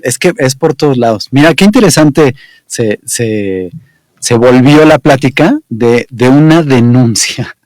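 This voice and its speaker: A man's voice: mid-range voice, expressive, unhurried, darkish tone, dry recording. A man hosting an interview, agreeable and interjecting often. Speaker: host. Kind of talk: conversational interview.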